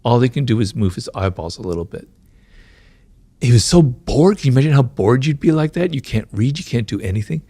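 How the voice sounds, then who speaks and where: A man answering interview questions, explaining at length, talks fast and keeps checking in with "right?" and "you know". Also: medium pitch, lively intonation, dark tone, no room sound. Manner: talks fast, says his mind races. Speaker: author being interviewed.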